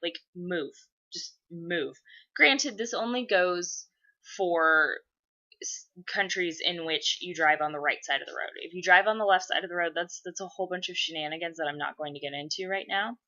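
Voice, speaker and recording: A woman's voice: on the low side, normal speed, pushed and bright, highs cut off. A woman in her twenties chatting casually, blunt and swearing freely as she gets worked up. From USA. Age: 20s. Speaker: vlogger. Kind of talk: casual chat.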